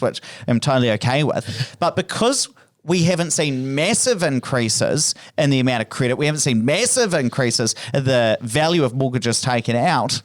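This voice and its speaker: A man hosting a casual podcast, chatty and explanatory, with a joking, self-deprecating streak. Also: medium pitch. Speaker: podcast host.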